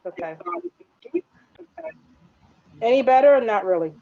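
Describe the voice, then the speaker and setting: A woman's voice: on the high side, expressive, measured pace. A woman instructor heard over a dull, muffled video call. Her voice echoes back on itself and smears in time, and the words break apart now and then. She fiddles with her settings and keeps asking whether she can be heard. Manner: fumbling with audio settings, checking in with students. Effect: time-smeared echoing, breaking-up call audio. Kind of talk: online class lecture.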